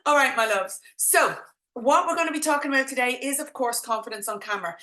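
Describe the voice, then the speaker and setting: Woman, Dublin accent, high bright voice, chatty encouraging coach, live webinar delivery, roomy echo. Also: fast talker. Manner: chatty, encouraging, addresses viewers directly with pep talk. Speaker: business coach hosting an online workshop. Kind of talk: informal live webinar presenting.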